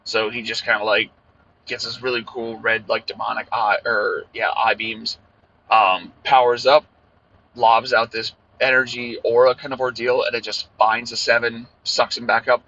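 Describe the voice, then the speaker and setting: Man, tinny tin-can sound, bright voice, rambling casual talk, muffled lo-fi car recording. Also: mid-range voice, flat delivery, normal speed, slight background noise. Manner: loose and rambling, many fillers. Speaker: anime reviewer. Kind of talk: rambling casual episode review. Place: in a car while driving.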